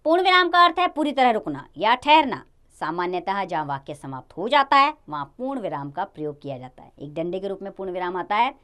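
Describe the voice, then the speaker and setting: A woman teaching a grammar lesson to children, lively, stressing key words and dropping low at the ends of sentences. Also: clean tone.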